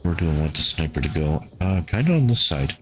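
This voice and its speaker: A man giving calm gameplay commentary, thinking aloud and talking to his squad as he plays. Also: low-pitched, fairly quick, a little hiss or hum. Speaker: gameplay streamer.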